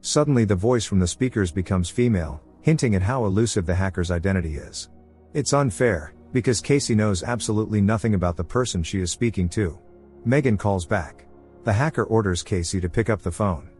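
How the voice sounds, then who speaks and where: A man narrating a film recap in a steady, scripted storytelling voice. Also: lowish voice, a little fast. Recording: narration with faint music underneath. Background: soft background music.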